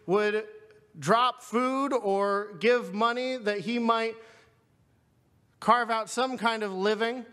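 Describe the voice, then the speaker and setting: A male preacher retells a scripture story in an earnest, storytelling sermon. His voice is high and bright, with a long reverberant tail from a chapel hall. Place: seminary chapel.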